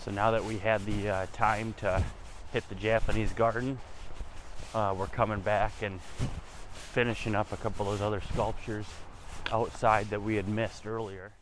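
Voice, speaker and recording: A man with a Midwestern American accent narrating a walking tour of a snowy outdoor park in a casual, relaxed way, thinking aloud as he walks, recorded on a body-worn camera. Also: fairly low pitch, moderate pace, noisy background. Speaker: vlogger giving a walking tour.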